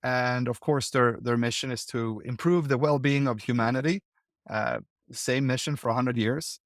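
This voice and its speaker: A man's voice: mid-range voice, fairly even intonation, moderate pace, no echo, studio quality. A man from Sweden, a guest investor, speaking thoughtfully in an interview, often repeating words as he restarts. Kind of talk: conversational interview.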